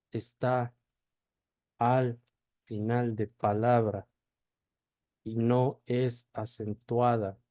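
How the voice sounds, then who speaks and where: This is a slow classroom explanation from a man who teaches languages, his tone low and warm. Sounds are spelled out one at a time, and a steady "¿sí?" follows each point to check in. The audio is dry.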